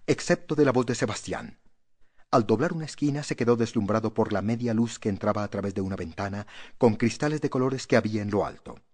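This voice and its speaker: Male audiobook narrator, measured and steady, mid-pitched horror reading.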